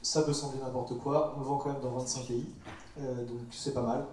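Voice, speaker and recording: A man's voice: mid-range voice, level tone, moderate pace, a little mellow, slight background noise. A man in his twenties from Paris, a startup founder telling his story on a panel in a chatty, joking way. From Paris, France. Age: 20s. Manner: chatty storyteller with light jokes. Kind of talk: casual panel talk. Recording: roomy hall mic from far off.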